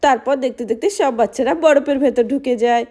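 A woman narrates a children's doll-play story in a high voice. She tells it in a plain storybook way between the characters' lines. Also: steady tone, fast, mellow.

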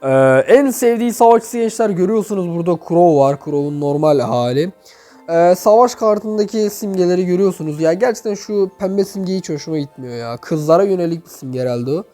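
A young man with a fairly high voice hosts a gaming video in a casual, chatty way. His words bounce around an echoey, emptied room. Music plays behind him as he addresses his viewers like friends. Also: expressive, fairly quick, warm tone. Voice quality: echoey, reverberant room sound. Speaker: YouTube game channel host. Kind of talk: casual gaming commentary, reviewing player profiles. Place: bedroom with items cleared out, indoors.

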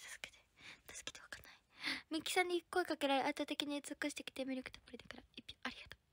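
A young woman hosting a livestream as an idol chats casually in a high-pitched voice, recorded dry. Bubbly, she reads viewer comments, thanks her viewers, and tries out English words.

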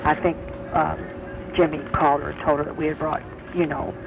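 Woman, chatty meandering storyteller, old worn answering-machine tape, thin phone sound with loud hiss. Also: sits low, flat delivery, a little fast, creaky. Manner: chatty, meandering, retells conversations in detail. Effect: played from an old worn cassette tape. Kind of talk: rambling personal storytelling on a message. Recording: tinny phone line, heavy tape hiss.

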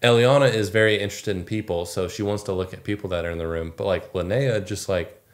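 A young father with a very low voice reads out viewer questions and answers them in an easygoing, casual chat with his partner. He often pauses with small fillers before going on. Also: steady tone. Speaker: co-host, new father.

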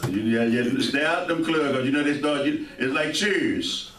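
A man's voice: a little high, moderate pace. A man with a St. preaching a sermon, joking with the congregation and calling out amens. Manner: joking, call-and-response with many amens. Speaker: pastor. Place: church sanctuary. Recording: echoey church hall, mic far off, congregation audible.

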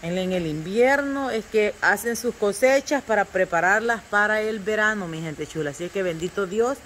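A woman's voice: medium pitch, normal speed, fairly bright tone, slight background noise. Chatty older woman vlogging. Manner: chatty and homely, fond terms for viewers, searches aloud for words. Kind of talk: casual chat to camera. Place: rural yard and garden outdoors.

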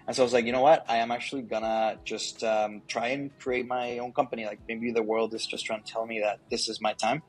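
A man's voice: mid-range voice, flat delivery, brisk, few pauses, breathy edge, poor audio. A young man from Colombia, a startup founder, chatting in an interview over earbuds on a video call from an office. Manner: chatty, lots of likes and ums. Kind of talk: casual interview answers. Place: office with large window.

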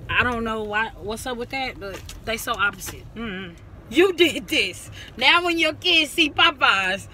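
Young mom vlogging in the car, high voice, chatty and teasing. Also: female voice, sharp tone, slight background noise. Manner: chatty, laughs often, teasing. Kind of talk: casual vlog chat. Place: inside a car.

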